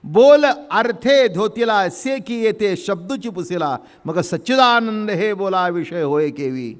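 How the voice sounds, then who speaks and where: An older man preaching a Marathi kirtan, telling homely stories and acting out family voices. He quotes verses in a chanting lilt and puts questions to the audience. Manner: asks the audience questions and drops to a soft, low voice when explaining. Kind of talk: devotional kirtan discourse.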